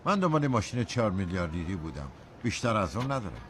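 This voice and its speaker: A man's voice: lowish voice, big pitch swings, a bit bright, slight background noise. A cautious budget-minded father. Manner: cautious, patient.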